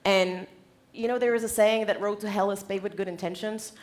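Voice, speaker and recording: A woman from the Czech Republic, speaking with a Czech accent in a steady, slightly mellow mid-range voice, talks a little fast. As a conference keynote speaker, she gives an informal motivational presentation in a playful, joking, conversational way.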